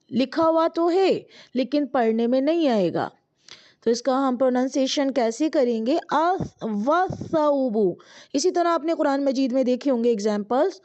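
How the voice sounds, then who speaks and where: A woman teaching an Arabic reader lesson, reading each word slowly and drawn out, then explaining it quickly. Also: sits high, warm tone, dull audio. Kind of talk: explaining a language textbook lesson.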